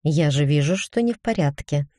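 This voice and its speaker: A woman reading the part of a stern but caring female academy dean in an audiobook, firm and brisk, then gently coaxing. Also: low-pitched, animated, no echo, clean studio sound.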